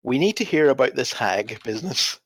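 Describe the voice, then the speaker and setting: A man with a gravelly, husky voice chatting casually as a player in a tabletop game. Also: medium pitch, expressive, fairly quick, fairly bright tone.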